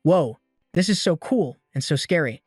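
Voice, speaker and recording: A man voicing an eager, excitable young man who fusses kindly over a boy in a storybook recap. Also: fairly high pitch, normal speed, breathy edge, no echo, studio quality, faint music behind. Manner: eager, fussing.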